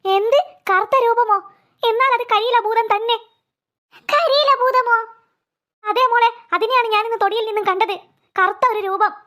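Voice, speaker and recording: A woman's voice: extremely high pitch, normal speed, long pauses, a bit bright. A woman voicing a fearful old grandmother in a cartoon, talking in an anxious, insistent way. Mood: alarmed. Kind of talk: cartoon voice acting.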